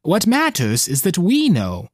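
A man's voice: high-pitched, wildly swooping pitch, dry recording, exaggerated voice. A man playing a cheerful old fisherman. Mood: placid. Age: older. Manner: hearty and unhurried. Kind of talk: storybook reading.

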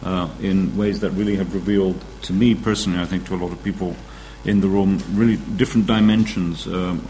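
A man's voice: low voice, fairly even intonation, warm tone, a little hiss or hum, low-quality recording. A man chairing an evening lecture, moderating questions and thanking the speaker. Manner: brisk, directing the room. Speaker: event chair.

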